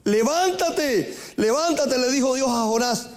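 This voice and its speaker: Impassioned high-voiced preacher man. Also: animated, a little slow. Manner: impassioned preaching, swings from shouting to hushed; calls listeners "hermano". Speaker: pastor. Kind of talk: sermon.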